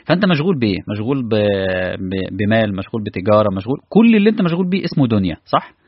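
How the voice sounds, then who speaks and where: A man with an Egyptian accent preaching a sermon, animated and asking his listeners rhetorical questions. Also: fairly low pitch, racing, slightly rough, dry recording. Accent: Egyptian Arabic. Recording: dull, lo-fi dry recording.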